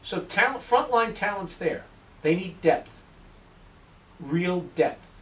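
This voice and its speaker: A man with a fairly high voice talks sports with passion and strong opinions. He sounds a little distant from the microphone, as in a casual podcast recording. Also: takes it slowly. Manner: opinionated, energetic, promotional. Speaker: sports radio host and regular guest.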